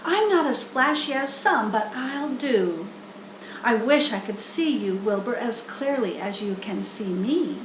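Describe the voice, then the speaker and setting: A woman's voice: on the high side, animated, echoey room, noisy background. A woman voicing a small female spider from a children's storybook, pleasant, composed and matter-of-fact, with a thin, genteel voice. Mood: composed, self-assured. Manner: measured, genteel, candid. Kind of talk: children's storybook character reading.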